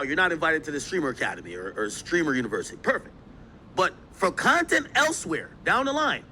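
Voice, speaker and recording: A male streamer reacts to clips and talks to his chat with emphatic energy. His voice sits high and sounds very bright, and his pitch swings widely. A little noise hums behind him. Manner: animated, emphatic, addresses chat directly. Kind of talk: live stream commentary. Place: New York.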